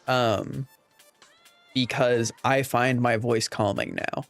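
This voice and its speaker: This man hosts a livestream, talking slowly in a steady, mid-range voice as he rambles conversationally through viewer responses. The recording itself is dry, with soft music playing underneath.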